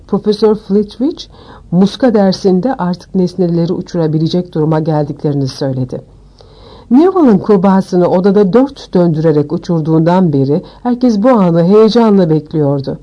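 A woman reading an audiobook aloud with expressive storytelling. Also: lowish voice, lo-fi sound. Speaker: audiobook narrator. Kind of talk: scripted audiobook narration.

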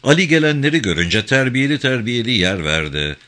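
A man reading a literary story aloud in a measured, expressive storytelling manner. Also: medium pitch. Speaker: narrator.

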